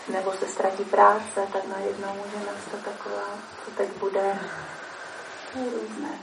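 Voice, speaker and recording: A woman speaking in a calm, measured, explanatory way, pausing to search for words. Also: mid-range voice, creaky. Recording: echoey room, mic far off, faint noise.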